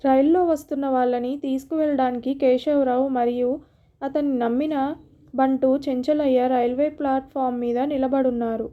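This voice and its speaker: A woman narrating a story in a steady, expressive storybook manner. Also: sits high, phone-quality sound.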